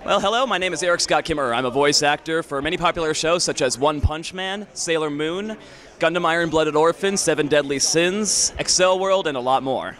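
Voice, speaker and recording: An upbeat young man voice actor at a press backdrop, speaking emphatically into a close handheld mic. His voice sits slightly high for a man. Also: brisk, a bit bright. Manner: upbeat, emphatic, talks straight to camera. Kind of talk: red carpet interview. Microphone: handheld mic held close.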